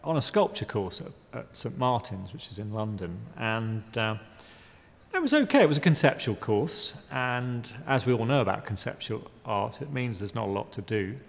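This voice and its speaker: A man in his fifties from Guyana answers interview questions about his art, halting and wry, full of ums and restarts. His voice is gravelly. The sound carries a long reverb from a large exhibition space. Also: mid-range voice, big pitch swings. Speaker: artist interviewee. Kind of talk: hesitant reflective interview answers. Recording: reverberant room.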